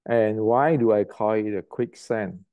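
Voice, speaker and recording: A man's voice: on the low side, unhurried, highs cut off. An older man from Indonesia, giving a blunt, emphatic martial arts lecture to the camera and repeating words as he searches for them.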